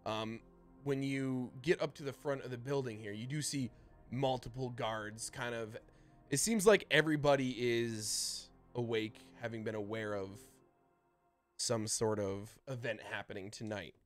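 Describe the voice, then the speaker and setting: Man, game master, rambling tabletop narration, middle pitch, faint music behind. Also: measured pace. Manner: loose, rambling narration with restarts. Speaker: dungeon master.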